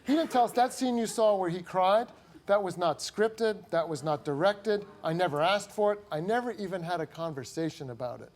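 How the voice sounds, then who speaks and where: A film director on a talk show, telling an anecdote in an excitable way, laughing often. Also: male voice, high voice, normal speed.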